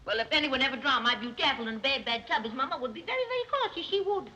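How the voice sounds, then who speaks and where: A woman's voice: high-pitched, expressive, fast talker, sharp tone. A middle-aged actress playing a flighty, chattering society mother in 1930s screwball comedy banter. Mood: airy, chatty. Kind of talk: 1930s film comedy acting. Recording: dull, noisy 1930s film soundtrack.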